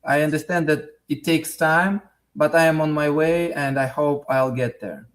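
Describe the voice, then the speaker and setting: The interview guest, a man in his thirties whose native language is Russian, speaks with a Russian accent and fairly high pitch. He replies haltingly, restarting often and leaning on fillers.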